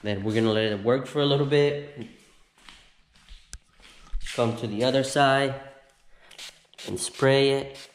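A man in his thirties hosting a casual how-to video in a home garage, explaining each step slowly with plenty of ums and restarts. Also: medium pitch, slight background noise. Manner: slow, halting step-by-step explaining with many fillers. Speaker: host of a how-to channel. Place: home garage with door open.

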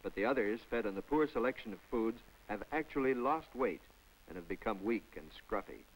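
A man narrates a public information film in a scripted, chatty voice-over, dropping folksy asides to the viewer. His lowish voice is expressive and fairly quick, heard on a poor-quality old film soundtrack with faint music.

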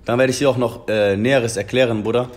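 With a medium pitch and steady tone, this young man talks fast. He's a German rapper in his twenties, earnestly chatting on a phone video call at a table in an indoor room and calling the interviewer "Bruder" over and over.

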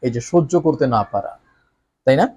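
A man teaching English who explains how to read a story aloud, often reading lines slowly with exaggerated expression and asking the listener tag questions. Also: medium pitch, lively intonation, warm tone, husky.

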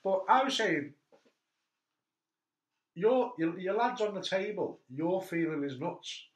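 A man's voice: sits high, takes it slowly. Chatty middle-aged man in an echoey room. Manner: animated storyteller, voice jumps up when telling funny bits. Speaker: host. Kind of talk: casual interview chat.

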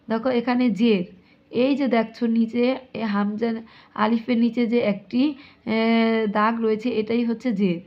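A woman teacher with a Bangladeshi Bengali accent, slowly reciting letter sounds for young children with steady recitation and hesitant fillers. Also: a little high, lo-fi sound. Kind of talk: slow letter-by-letter lesson for children.

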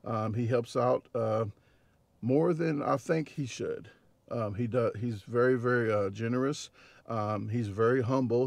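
With a medium-pitched voice showing vocal fry and no echo in the recording, a Midwestern American man in his forties vlogs casually from his parked car. The competitive eater talks into a dashboard camera, rambling with frequent fillers and restarts.

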